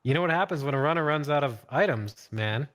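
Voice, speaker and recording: A man commentating a live gaming match in a lively, playful way. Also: fairly high pitch, quick pace.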